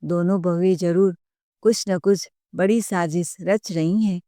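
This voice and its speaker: A woman's voice: fairly low pitch, steady tone, unhurried, warm tone, no room sound, studio quality, close to an everyday voice. A woman voicing a spiteful, spoiled young sister-in-law who taunts and sulks. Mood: taunting. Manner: taunting, sulky.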